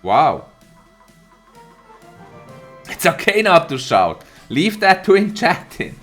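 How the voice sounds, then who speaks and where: Soft music sits behind this man's slightly high, slow voice. He's a caster and streamer doing live tournament commentary with chat replies, energetic and quick to laugh, saying hello to viewers by name despite a slight cold that leaves him a bit hoarse.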